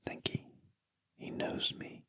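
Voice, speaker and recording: A British man voicing a reformed, courteous old Victorian gentleman in a gentle, breathy whispered role-play for a storybook reading. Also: slow pace, no echo. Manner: polite, old-fashioned, gentle.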